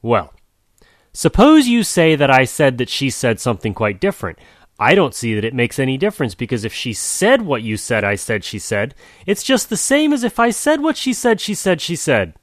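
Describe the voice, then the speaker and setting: A man's voice: medium pitch, huge pitch swings, moderate pace, no room sound, clean studio sound, voice pushed up. A man voicing a clever male tortoise who talks in coaxing, tongue-twisting circles. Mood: sly. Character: sly, wordy male tortoise, calm and clever.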